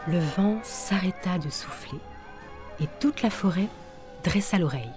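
A woman reading a children's tale aloud, gentle and soft-spoken, at times dropping to a whisper. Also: lowish voice, lively intonation, a little slow. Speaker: storyteller. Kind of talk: storybook reading. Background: faint music.

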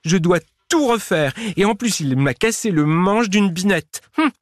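A man's voice: sits high, expressive, a little slow, dry recording, voice pushed up. A man voicing an indignant mole who complains and scolds in a storybook reading.

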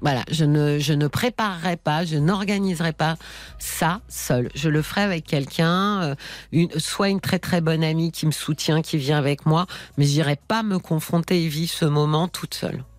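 A woman's voice: low-pitched, moderate pace, no echo, faint music behind. A woman hosting a live call-in radio show, giving a caller direct, encouraging advice. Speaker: radio host.

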